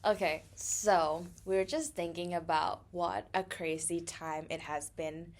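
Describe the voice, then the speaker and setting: Slow, chatty young woman podcaster. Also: lowish voice. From Thailand. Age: young adult. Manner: chatty, laughs often, many fillers. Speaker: podcast co-host. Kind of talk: casual podcast chat.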